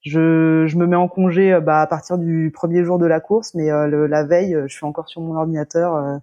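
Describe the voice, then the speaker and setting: Hesitant woman sailor, mellow voice. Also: sits low, level tone, a little fast, dull audio. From La Baule, France. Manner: hesitant, many fillers and restarts. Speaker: sailor guest. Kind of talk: casual interview chat.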